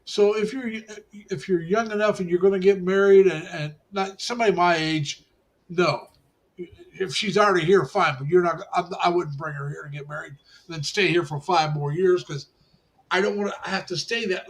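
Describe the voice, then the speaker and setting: A man in his 60s with a high-pitched voice co-hosts a livestream at a moderate pace. His casual chat rambles, and he often restarts his phrases.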